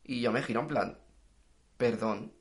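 Young male podcaster, rapid and chatty. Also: medium pitch. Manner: fast, slangy, animated storytelling. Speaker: podcast co-host. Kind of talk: casual chat.

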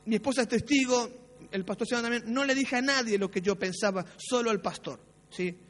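A man's voice: extremely high pitch, a little fast, fairly bright tone. A male pastor, telling a personal story in a sermon. He is anecdotal and self-mocking, and keeps checking in with tag questions. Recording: long reverb of a church hall.

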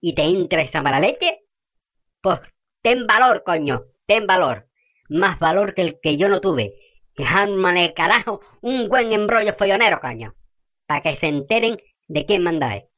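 A fiery, foul-mouthed gossip. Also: female voice, lowish voice, animated, normal speed, fairly bright tone, muffled recording. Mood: ranting. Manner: indignant rants with rural slang.

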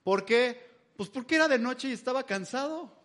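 A man preaching in a loose, joking storytelling manner. His voice sits high for a man and he chats with the congregation as if among friends. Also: animated, normal speed, a bit bright. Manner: chatty, humorous storytelling. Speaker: pastor. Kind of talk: sermon.

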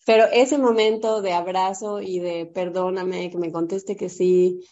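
Mexican woman, 30s, lively storyteller, swears casually, slightly dull lo-fi sound. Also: unhurried. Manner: animated, acts out quotes in a high voice, swears freely.

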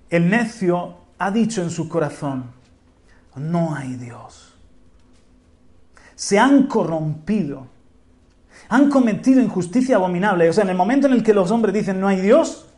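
An impassioned pastor with a Spain Spanish accent preaching a sermon. His voice sits high for a man, and he keeps rising into loud exclamations.

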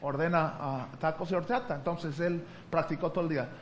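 A male preacher giving a sermon, telling stories in an animated way and laughing often. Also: on the high side, brisk, a little hiss or hum.

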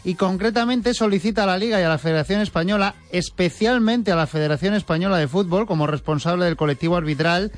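High-pitched Spanish male radio reporter. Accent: Spain. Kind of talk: scripted formal news report.

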